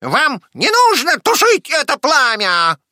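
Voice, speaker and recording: A man voicing a cheeky, excitable male parrot with shrill, drawn-out exclamations. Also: dry recording, studio quality, full character voice. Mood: excited.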